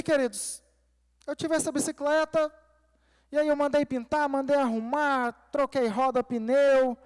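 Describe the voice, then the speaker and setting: A male pastor preaches a sermon at a church service, telling a personal story and addressing the congregation as dear ones and brothers. His voice is extremely high-pitched, darkish, clear and resonant, and the church hall adds long reverb.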